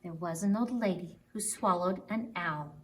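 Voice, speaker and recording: A woman telling stories to young children in an animated story-time style. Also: lowish voice, moderate pace. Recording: roomy, distant mic, faint noise.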